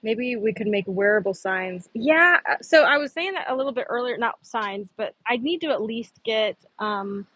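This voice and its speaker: A woman with a slightly high, fairly bright voice streams live from a phone mounted on a gimbal. She chats casually with viewers at a normal pace, with lively intonation, barely pausing, and fills her talk with fillers and giggles. She sounds a little thirsty.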